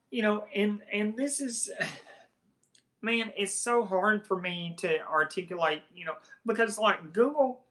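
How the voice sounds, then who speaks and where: Southern man, tech YouTuber, casual and hesitant delivery, bright forward tone. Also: fairly high pitch. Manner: rambling, hesitant, restarts phrases. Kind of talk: casual talk to camera.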